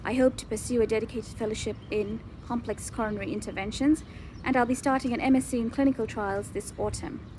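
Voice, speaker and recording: Slightly high-voiced woman cardiologist. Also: steady tone, fast, background noise. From Sri Lanka. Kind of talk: self-introduction.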